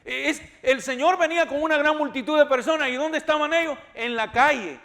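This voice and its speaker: A male pastor preaching a sermon, emphatic and repeating his words, now and then rising to loud cries. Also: very high-pitched, fairly quick. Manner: repeats words and restarts often. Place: church.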